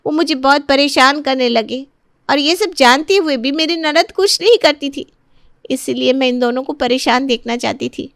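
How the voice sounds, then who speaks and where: A woman's voice: high-pitched, moderate pace, fairly bright tone, no echo, studio quality. A woman voicing a scheming young sister-in-law who confesses in a nervous, apologetic way.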